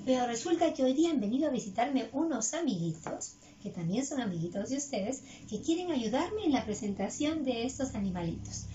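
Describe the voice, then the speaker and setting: A woman teaching an online class for small children, patient and coaxing. Her voice is high and lively, rising and falling in a sing-song way, and the recording sounds dull and lo-fi. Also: a little fast, hardly any pauses, a little hiss or hum. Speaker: preschool English teacher.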